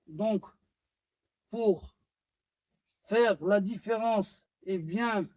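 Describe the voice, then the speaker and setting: A man teaching a basic French lesson, explaining step by step with frequent pauses, restarts and fillers. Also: high voice, a little mellow, poor audio. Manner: slow, halting delivery with pauses and fillers. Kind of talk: slow classroom-style lesson.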